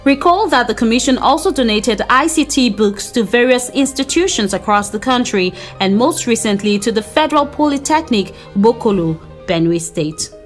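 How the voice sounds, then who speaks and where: A woman's voice: a little high, expressive, faint music behind. Formal woman presenting a news show. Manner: measured, formal. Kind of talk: scripted broadcast narration.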